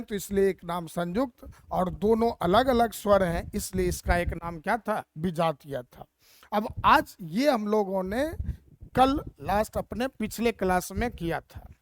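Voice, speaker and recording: A woman's voice: mid-range voice, no room sound. A woman teacher explaining Hindi grammar step by step and asking rhetorical questions as she goes.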